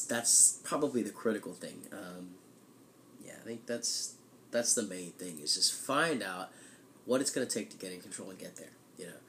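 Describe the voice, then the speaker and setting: A man's voice: on the low side, fairly bright tone, slight background noise. A man with a congested, blocked-nose voice from a head cold, like he has tissue up one nostril, chatting casually and loosely as a vlogger. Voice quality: stuffy, blocked-nose sound. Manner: conversational, loose, frequent "you know". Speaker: weekly vlogger. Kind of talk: casual chat to camera.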